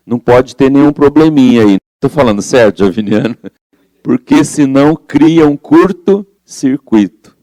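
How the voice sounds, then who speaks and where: A man's voice: medium pitch, expressive, a little slow, dark tone, dry recording. A man leading a study group, explaining a spiritual book and reading passages aloud in a conversational way that asks the group questions.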